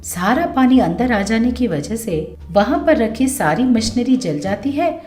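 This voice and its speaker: A woman narrating a cartoon bedtime story in a plain, steady storytelling manner. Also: a little high, measured pace, roomy sound, soft background music.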